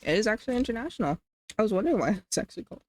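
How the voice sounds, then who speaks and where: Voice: mid-range voice, sing-song, racing. A livestreamer chatting casually with chat while eating, rambling and hedging with lots of fillers. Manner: rambling, hedging with many "like"s, reading chat aloud.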